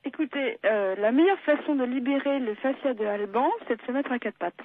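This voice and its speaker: Taking a phone call, a woman doctor talks briskly in a high-pitched voice, explaining things courteously, plainly and didactically. The sound is tinny and narrow, typical of a phone line.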